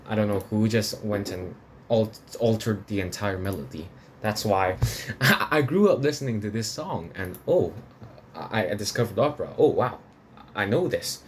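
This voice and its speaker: This Hong Kong man's voice is fairly low and fairly bright, animated yet a little slow, over slight background noise. Reviewing opera recordings in a loose, rambling way, he keeps restarting, uses plenty of fillers, and laughs between points.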